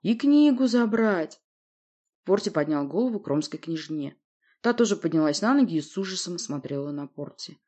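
A woman narrates a fantasy audiobook in a steady, even storytelling manner. Her voice sits fairly low, with a husky grain and a dark, mellow tone. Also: fairly quick. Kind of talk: scripted first-person narration.

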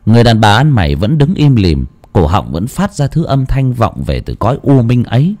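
A man narrating a horror story in a dramatic, expressive manner. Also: mid-range voice, normal speed.

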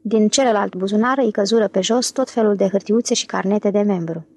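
A woman narrating an audiobook in a steady, even reading. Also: medium pitch. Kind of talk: scripted narration.

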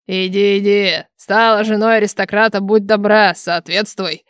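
A woman's voice: medium pitch, fairly quick, clear, resonant tone, no echo, lightly acted. A woman playing a sneering male god of lies in a fantasy audiobook. He scolds with snide contempt. The recording is close and dry.

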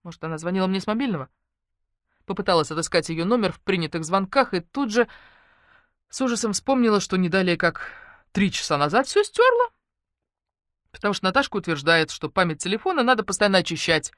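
Brief: female audiobook narrator, lowish voice, wry and lively, dry close recording. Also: no echo. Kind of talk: first-person novel narration.

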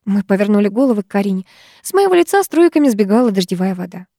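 A woman narrating a novel as an audiobook. Her voice is mellow and warm, and the sound is dry and close. She lifts her pitch and energy for the young characters' lines. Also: quick pace, no echo. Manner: lively, raising pitch for the heroine and her friends.

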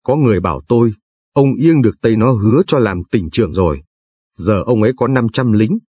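Man voicing a fretful old official, husky. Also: on the low side, animated, brisk, warm tone, no echo, clean studio sound. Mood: aggrieved. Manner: plaintive, complaining. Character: elderly male official, fretful and aggrieved.

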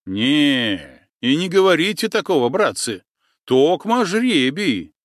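A man voicing an indignant, hotheaded young Cossack in an audiobook, loud and protesting. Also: on the high side, sing-song, measured pace, no echo, clean studio sound, pitched above the performer's own voice, heavily acted. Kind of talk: audiobook character voice.

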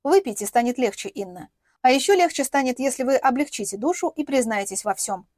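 A woman voicing a composed female police captain who speaks in a calm, official way, in an audiobook. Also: high voice, a little fast, no room sound, clean studio sound.

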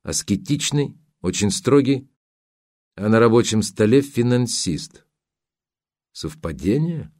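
A man narrating an audiobook in a measured, even reading. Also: mid-range voice, dry recording. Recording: dry close studio sound.

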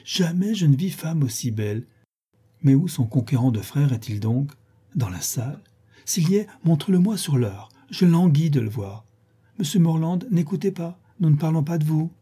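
Guy doing a fluttery young society girl, higher voice, dark husky tone underneath, all gush and tease. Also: animated, moderate pace. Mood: teasing. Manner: effusive, teasing, theatrical. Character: gushing, affected young society woman.

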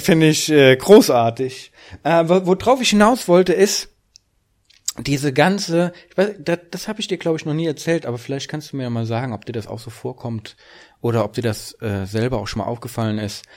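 A man's voice: medium pitch, a little mellow. A man co-hosting a casual podcast chat, rambling and sarcastic, often tagging his points with a questioning aside. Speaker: podcast co-host.

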